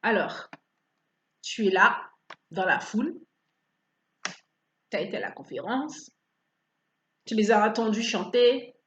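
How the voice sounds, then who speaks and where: A woman preaching a sermon in an animated way, asking rhetorical questions and acting out people's attitudes. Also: mid-range voice, slow pace, pauses often. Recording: roomy, slightly dull recording.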